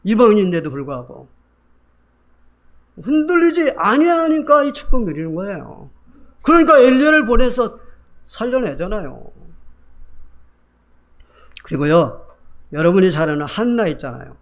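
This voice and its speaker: Man, pastor, sermon, high-pitched, very animated delivery, rhetorical questions. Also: normal speed, long pauses. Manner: acts out Bible figures in quoted voices.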